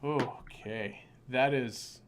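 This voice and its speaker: A man running a tabletop game as game master, excitable and prone to swearing and stumbling over his words. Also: medium pitch, drawn-out words, very noisy.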